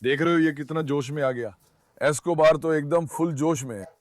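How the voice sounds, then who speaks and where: A man vlogging on his farm with a clip-on mic, calming his dogs with soft commands and chatting to viewers. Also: a little high, normal speed, dry recording. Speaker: farm dog keeper and channel host. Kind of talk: casual vlog talk to camera and dogs. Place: outdoors on a farm.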